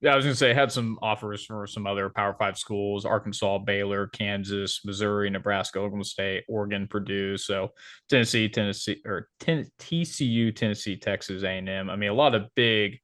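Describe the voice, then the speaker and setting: Low-voiced male co-host, dry sound. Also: fairly even intonation, a little fast, fairly bright tone, no room sound. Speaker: podcast co-host. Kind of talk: casual sports chat.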